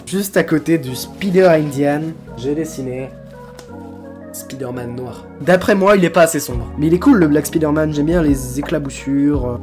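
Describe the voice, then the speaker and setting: A young man casually commenting on his own sketchbook drawings, rambling and poking fun at his own work. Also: a little high. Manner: self-mocking, jokey, chatty with many fillers. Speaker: vlogger showing his sketchbook.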